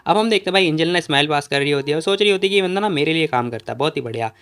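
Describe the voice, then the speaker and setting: A man's voice: fairly high pitch, expressive, racing, a bit bright, clear, resonant tone. A man narrating a comic recap in a chatty, casual way, talking to listeners like friends. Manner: chatty, addresses listeners as "bhai". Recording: faint background music.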